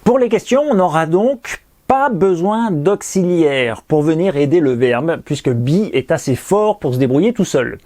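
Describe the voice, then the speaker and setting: A man teaching English grammar in a recorded lesson, explaining clearly and patiently and repeating pronunciation drills. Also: a little high, lively intonation, measured pace, hardly any pauses, warm tone.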